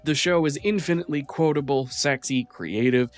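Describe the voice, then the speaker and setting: A man's voice: on the high side, moderate pace. A man hosting and reading a scripted entertainment review. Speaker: video host reviewer.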